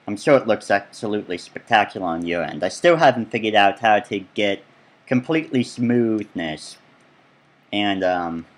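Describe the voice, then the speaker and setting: Low-voiced man rambling through gameplay. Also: animated, normal speed. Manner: rambling, chatty asides while touring his build. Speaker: let's play gamer. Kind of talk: casual gameplay commentary.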